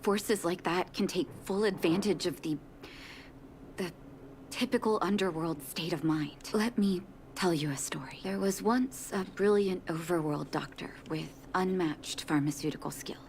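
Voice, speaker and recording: A woman voicing a doctor in a video game, telling a story in calm, measured dialogue. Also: on the low side, a little hiss or hum.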